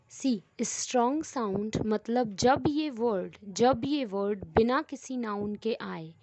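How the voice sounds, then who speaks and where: A woman teacher with a fairly high voice works slowly through an English grammar lesson, asking questions and then answering them herself. She repeats each rule more than once and switches easily between Hindi and careful, slowed-down English examples. The sound is dry and close, with no room echo. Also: a little mellow, lo-fi sound.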